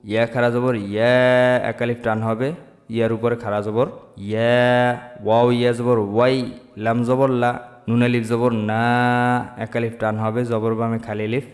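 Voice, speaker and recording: A man teaching Quran reading, spelling out letters and vowel marks slowly and then chanting the words drawn out. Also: medium pitch, little pitch movement, a little mellow, in a large hall. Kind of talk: slow spelled-out Quran recitation lesson.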